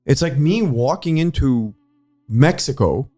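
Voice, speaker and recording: A man's voice: medium pitch, expressive, measured pace, warm tone, no room sound, studio quality, faint music behind. Man pressing his point on a podcast. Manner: pushes his point, questioning, often cuts in. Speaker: podcast co-host. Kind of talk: casual history podcast discussion.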